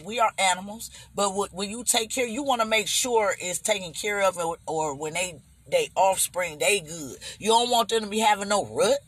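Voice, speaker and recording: A middle-aged man hosting a casual podcast chat, animated, who keeps checking that listeners follow him. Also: sits high, moderate pace, few pauses, breathy edge, no room sound. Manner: animated, keeps asking "you understand?". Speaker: podcast host.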